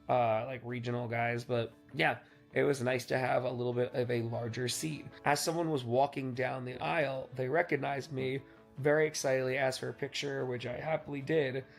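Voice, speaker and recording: Gravelly-voiced man narrating a vlog. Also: medium pitch, fairly even intonation, moderate pace. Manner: joking, self-deprecating. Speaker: vlogger recapping a fundraising tour. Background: background music.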